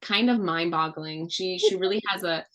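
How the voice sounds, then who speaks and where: Over a video call, a woman who is a mother and children's book author talks casually with children, using questions and fun facts as she reads aloud. She speaks at a moderate pace with a fairly low, fairly bright voice; the recording is rough.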